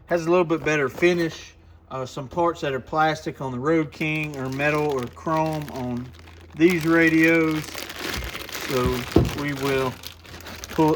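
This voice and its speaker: A radio shop owner gives a product demo inside his shop, explaining things step by step in a casual, folksy, plainspoken walkthrough. His voice has a fairly high pitch and is a bit bright.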